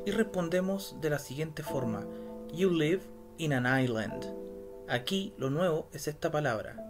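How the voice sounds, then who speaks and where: A man teaching English in a recorded slide lesson, explaining step by step and reading the English phrases slowly and carefully. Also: fairly high pitch, expressive. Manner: patient, explains step by step, checks in with "¿ya?" and "¿cierto?". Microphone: voice-over. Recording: loud background music.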